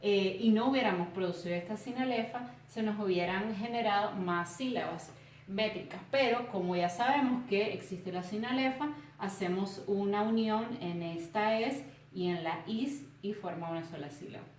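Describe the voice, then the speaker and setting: A woman teacher giving a recorded tutorial lesson, explaining carefully and counting out syllables slowly. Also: mid-range voice, a little hiss or hum. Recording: roomy, distant from the mic.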